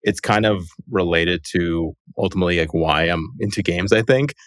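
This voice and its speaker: This is a company co-founder from Los Angeles, USA, guesting on a podcast for a relaxed interview. He has a low voice at normal speed, and the recording is dry and studio-quality. He's chatty and easygoing, dropping plenty of "like" fillers and laughing as he talks.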